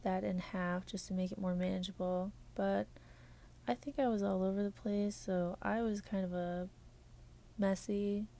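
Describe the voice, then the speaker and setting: A woman talks through a beauty tutorial in a soft, mellow voice-over. Her tone is warm and low-key, often slipping into a breathy half whisper. Some stretches are flat and measured, others quicker and more casual. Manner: flat and measured at first, then quicker and chattier. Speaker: beauty vlogger.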